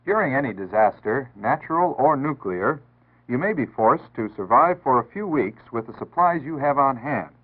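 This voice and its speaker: With a breathy edge to his medium-pitched voice, an American man narrates a scripted 1960s civil defense public service announcement. He is expressive and speaks at normal speed, in an earnest, instructive and formal style. The archival audio sounds tinny and band-limited, like old radio.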